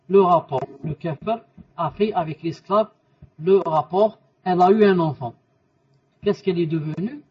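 Man, religious teacher: husky, high voice, mixes Arabic terms into the lesson, muffled recording from a distance. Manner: explains by asking questions and repeating answers.

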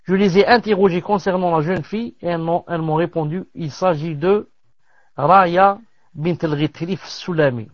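A man teaching as he reads aloud from a classical religious text, pausing to comment and dropping in Arabic religious terms. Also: on the high side, no echo. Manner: measured reading with pauses and Arabic religious terms. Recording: dull lo-fi dry recording.

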